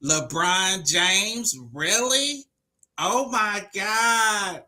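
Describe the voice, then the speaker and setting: A man doing a whiny high-pitched female hater. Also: animated, very slow, bright, forceful tone, full character voice. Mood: whining. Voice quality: high whining falsetto.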